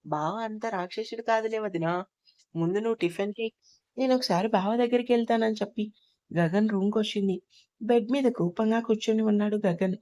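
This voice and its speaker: A woman's voice: mid-range voice, a little fast, warm tone. A woman narrating a scripted family drama story, voicing every character herself. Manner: voices every character herself, with small shifts.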